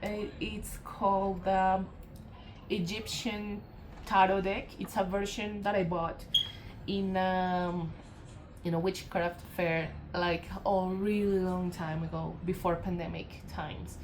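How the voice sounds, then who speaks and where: Slow and fairly flat in pitch, a Colombian tarot reader with a lowish voice and a Colombian Spanish accent offers a casual, rambling channeled reading. Fillers, self-corrections, and soft laughs come often, and background noise is audible.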